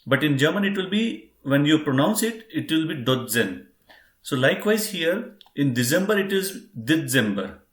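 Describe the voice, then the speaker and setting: In an echoey room, a man with a fairly high-pitched voice teaches German. He patiently spells out words letter by letter and talks to his students as friends.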